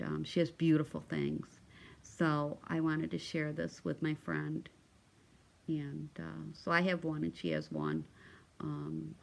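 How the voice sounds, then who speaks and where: A woman's voice: sits low, creaky. A woman showing off craft supplies in a casual vlog, chatty and gushing, with many ums and restarts. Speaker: crafting vlogger. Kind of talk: casual show-and-tell vlog.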